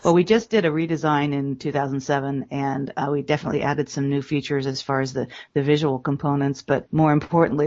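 A middle-aged woman interviewed over the phone as a guest, explaining things in a steady way with some hesitations. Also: sits low, no echo. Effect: heard over a phone line. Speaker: guest, editor of a teacher resource website. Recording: dull lo-fi phone line.

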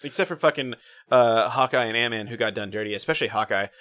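A man chatting casually on a podcast about a film, excitable and rambling, with lots of restarts and fillers. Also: medium pitch, quick pace. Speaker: podcast host. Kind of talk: casual movie chat.

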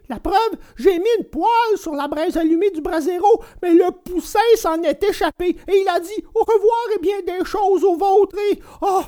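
A woman doing Pinocchio, shrill whiny puppet boy. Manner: whiny, pleading, bursts into shouts. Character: hungry whiny wooden puppet boy, cheeky. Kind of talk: storybook reading.

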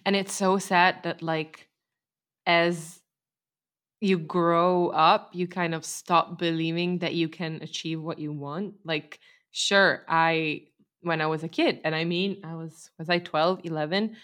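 Hesitant woman with a low voice. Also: steady tone, slow pace. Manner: reflective, hesitant, trailing off softly. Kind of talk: casual personal chat.

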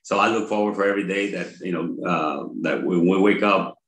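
An older man from Mexico, a pastor, talking in an interview in a halting way with many pauses and fillers. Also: low-pitched, fairly bright tone. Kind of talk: conversational interview. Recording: roomy echo.

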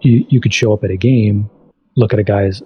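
A man's voice: on the low side, steady tone, brisk, highs cut off, a little hiss or hum. A man chatting casually as a podcast guest, conversational and often restarting his thoughts. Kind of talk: casual chat.

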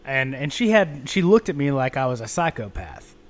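A man chatting as a podcast guest, rambling freely and trailing off softly at times. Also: mid-range voice, big pitch swings, normal speed. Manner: chatty, self-described ranter, often soft and mumbled. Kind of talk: casual chat.

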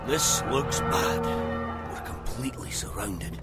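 An actor playing a gruff, loyal older dwarf warrior in a fantasy video game, hearty, blunt and wary. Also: male voice, medium pitch, animated, slow. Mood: uneasy. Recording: music behind the voice.

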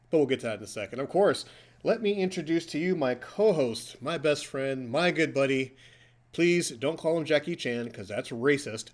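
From a hotel room, a man in his forties hosts a casual podcast, chatting and teasing his co-host. His mid-range voice carries an easygoing, joking manner.

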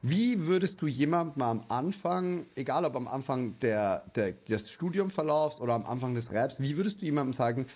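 A man hosting a podcast, chatting casually with his guest. His voice is husky and mid-pitched. He asks long, meandering questions in a relaxed way. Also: moderate pace, few pauses. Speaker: podcast host. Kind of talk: casual interview chat.

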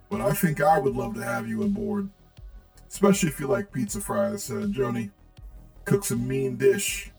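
A man's voice: mid-range voice, creaky. A man playing a tabletop role-playing game, rambling and hedging in a casual way. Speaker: player. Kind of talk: in-character tabletop play.

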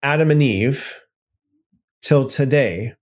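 Speaking slowly in a mid-range voice, this man runs a laid-back livestream Bible talk. He reads out comments from viewers and responds, often restarting sentences and leaning on filler words.

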